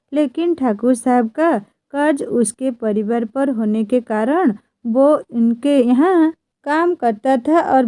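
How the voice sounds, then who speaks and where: A woman narrating a scripted romantic story in a slow, even storybook manner. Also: high voice, no room sound.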